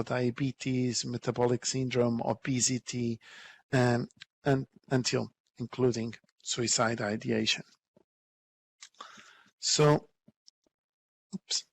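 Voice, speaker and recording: A man who is a nurse and educator, giving an earnest, heartfelt conference presentation. He talks haltingly and often repeats words as he gathers his thoughts. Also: medium pitch, fairly bright tone.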